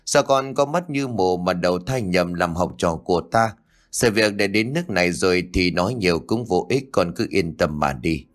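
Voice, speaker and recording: A man's voice: deep voice, lively intonation, normal speed. A man voicing a cruel old female sorcerer in an audiobook, cold and menacing, coaxing one moment and wrathful the next. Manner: menacing, cajoling then wrathful. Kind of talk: audiobook character voice.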